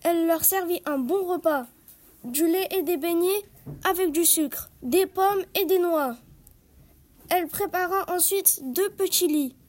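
A woman reading a fairy tale aloud at a calm, even pace. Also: extremely high pitch, measured pace.

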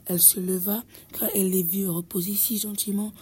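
A woman's voice: mid-range voice, level tone, a little fast, dark tone, slightly rough. A woman reading a fairy tale aloud carefully, with a few small slips.

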